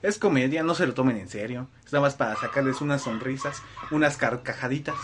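A man's voice: medium pitch, a little fast, noisy background. A man with a Mexican accent co-hosting a casual comedy podcast, laughing often. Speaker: podcast co-host.

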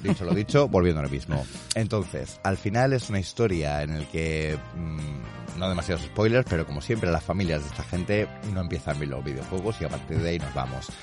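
Deep-voiced man chatting about games. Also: lively intonation, brisk, music in the background. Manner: chatty, playful, teasing. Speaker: podcast co-host. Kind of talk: casual chat about video games.

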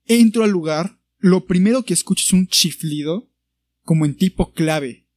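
Speaking at a moderate pace in a high voice, a young man with a Mexican Spanish accent co-hosts a casual podcast. He tells a story with animation, performing the voices of the people he quotes.

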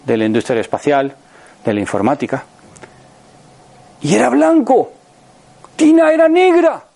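A man's voice: a little high, a little mellow. A man in his sixties with a Spain Spanish accent giving a motivational talk to an audience. He asks many rhetorical questions and keeps checking in with his listeners. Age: 60s. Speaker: motivational speaker.

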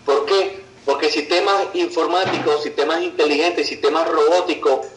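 A man delivers an online business pitch, persuasive and insistent. His voice sits a little high and rings in a roomy, echoing space. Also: fairly even intonation, moderate pace, slight background noise. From Venezuela. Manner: persuasive, tags sentences with "ok" and "verdad". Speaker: business presenter.

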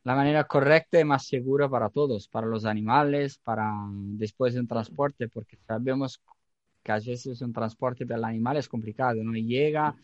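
A man's voice: medium pitch, normal speed, no room sound. A man speaking as a co-host in a conversational podcast discussion. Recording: dull, band-limited dry audio.

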